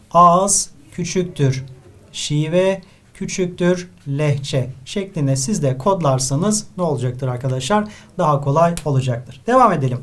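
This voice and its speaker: A male teacher from Turkey goes through exam questions one at a time, explaining each answer patiently. His voice sits a bit high for a man. He writes as he talks and keeps turning to his students with questions. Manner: explains step by step, addresses students often, writes while talking. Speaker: literature teacher. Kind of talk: exam-review lesson.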